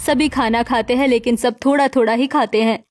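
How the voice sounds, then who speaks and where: A woman's voice: a little high, fairly even intonation, fairly quick, darkish tone. Woman narrating a cartoon story.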